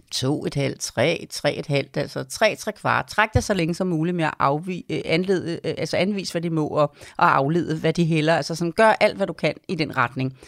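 A middle-aged woman, a parenting expert, talking in a podcast conversation, animated, with many restarts and acted-out quotes. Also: sits low, no echo, studio quality.

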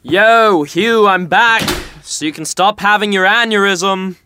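An actor playing a blunt, sarcastic young prince who talks in slang and swears freely. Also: male voice, high voice, measured pace, sharp tone, slight background noise. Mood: hurried.

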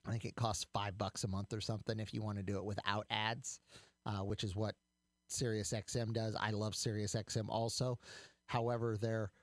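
A man's voice: on the low side, level tone, normal speed, no echo. A man co-hosting a tech talk radio show, chatting casually with many fillers and restarts. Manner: chatty, hesitant with fillers and repeats.

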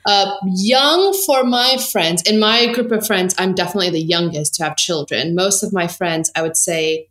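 A woman's voice: fairly low pitch, normal speed, hardly any pauses, a bit bright. Dry-humored woman in her thirties, echoey. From raised in the UK. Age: 30s. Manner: dry, joking, matter-of-fact. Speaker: podcast guest. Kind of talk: casual interview chat. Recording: echoey room.

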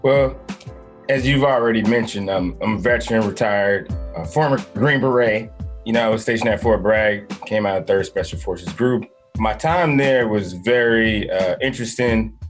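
A middle-aged man, a retired veteran, answering interview questions in an easygoing, slightly halting way. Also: lowish voice, faint music behind. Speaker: podcast guest, veteran.

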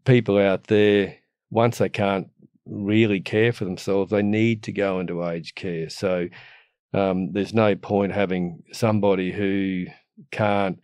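A man's voice: sits low, level tone, takes it slowly, a little mellow, clean tone, no room sound, clean studio sound. A middle-aged Australian man ranting casually and bluntly, with the earthy, matey slang and mild swearing of an Aussie tradesman. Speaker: guest giving opinions. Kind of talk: casual opinionated rant.

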